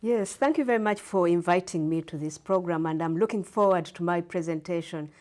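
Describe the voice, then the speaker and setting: Measured Ugandan-born woman professor. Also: on the low side, a little mellow. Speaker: guest storyteller and English professor. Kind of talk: interview answers.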